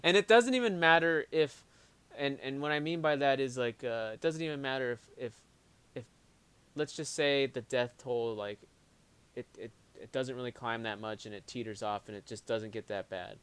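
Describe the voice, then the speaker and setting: A man's voice: medium pitch, moderate pace, a bit bright, clear, resonant tone. A man co-hosting a casual live-stream chat, reading viewer comments aloud and talking in restarts. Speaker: co-host.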